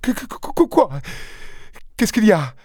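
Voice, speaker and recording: A man voicing a panicked middle-aged wife, frantic and shrill, sobbing as she cries out. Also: very animated, a little slow, darkish tone, dry recording, clean studio sound, exaggerated voice. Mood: stammering shock.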